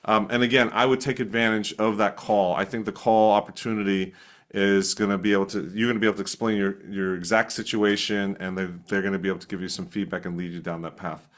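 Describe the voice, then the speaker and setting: Man, low voice, webinar co-presenter, relaxed, thoughtful, fillers. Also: fast. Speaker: workshop co-presenter. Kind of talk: webinar discussion.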